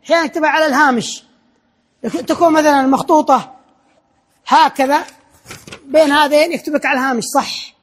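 A man lectures a class at a quick clip. His voice sits high, and he works through his points by repeating them and restarting words as he goes. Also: steady tone, fairly bright tone.

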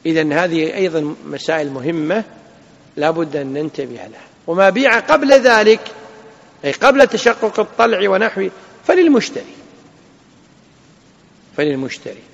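A man teaching a classroom lesson, reading a legal text aloud and explaining it slowly, often checking with his students. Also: a little high, creaky, big-room sound, dull audio. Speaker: Islamic jurisprudence teacher.

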